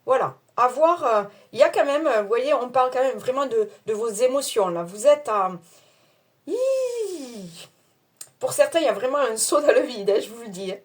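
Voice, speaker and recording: A rather high-voiced woman talks through a tarot reading to camera. Her French carries an accent of her own, and her speech wanders, full of fillers and self-amused asides. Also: sing-song, normal speed, breathy edge. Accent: non-standard French accent. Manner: chatty, hesitant with many fillers, laughs at herself. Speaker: tarot card reader.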